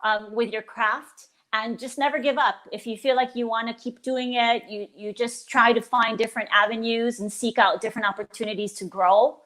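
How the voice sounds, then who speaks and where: A Filipina stage performer in her forties speaks enthusiastically about her career in a casual interview where she is the guest. Her voice is a little high and steady in tone, at normal speed with hardly any pauses. She comes across warm and enthusiastic, though she frequently restarts her sentences.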